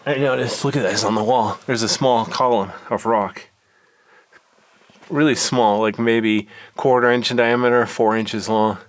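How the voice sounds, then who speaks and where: A man's voice: medium pitch, steady tone, unhurried. A man giving casual, unscripted vlog narration as he explores inside a cave, recorded on an action camera. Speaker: cave explorer filming his trip. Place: inside a cave, lava tube. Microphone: action camera mic.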